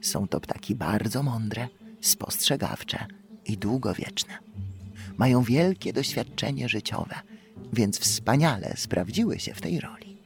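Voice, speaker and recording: A man narrating a children's audiobook in an expressive storytelling manner. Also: mid-range voice.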